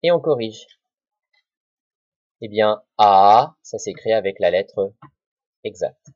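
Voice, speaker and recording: A man, a primary school teacher giving a recorded spelling lesson to children, slowly sounding out words syllable by syllable with patient dictation. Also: on the low side, lively intonation, darkish tone, no room sound, dull audio.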